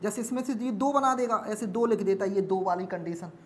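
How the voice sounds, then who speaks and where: A woman with a medium-pitched voice, speaking a little fast, teaches exam reasoning at a board. She repeats each step and often asks whether it's understood, and a little hiss or hum is audible.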